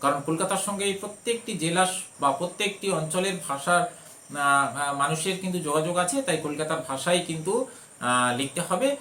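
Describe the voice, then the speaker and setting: A man teaching a school literature lesson, explaining an essay with repeated points and frequent pauses and fillers. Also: fairly high pitch, lively intonation, bright, forceful tone, reverberant, slight background noise.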